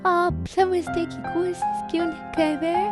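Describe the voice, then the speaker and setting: A woman's voice: very high-pitched, fairly even intonation, measured pace, pitched above the performer's own voice. A woman voicing a young pregnant lover who pleads and stammers through tears, in a fan dub. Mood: pleading. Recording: music in background.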